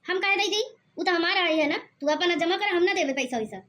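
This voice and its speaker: A woman voicing a sharp-tongued village wife in a cartoon, speaking curtly and scoldingly with an Awadhi accent. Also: very high-pitched, fairly quick. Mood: defiant. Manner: scolding, curt. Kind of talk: cartoon voice acting.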